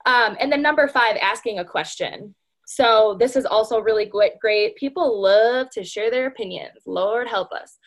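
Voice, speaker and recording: Training her sales team, a woman with a fairly high voice speaks at a moderate pace. Her motivational talk is casual and chatty, peppered with "like" and "you know," and she often addresses everyone as "you guys."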